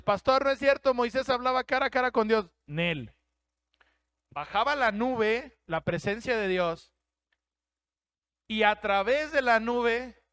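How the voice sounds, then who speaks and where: A male pastor with a Mexican Spanish accent delivers an emphatic sermon and acts out the voices he quotes. His voice sits high and rings smooth and resonant. The sound is dry and close. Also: fairly bright tone, no echo.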